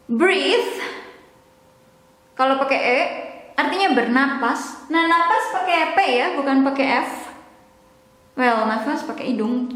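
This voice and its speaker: A young woman explains words in a casual lesson, taking her time and repeating herself, with a light joke here and there. Her voice sits high and she speaks slowly. The recording is very echoey, as if in a bare room with a long reverb. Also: fairly bright tone. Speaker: English teacher.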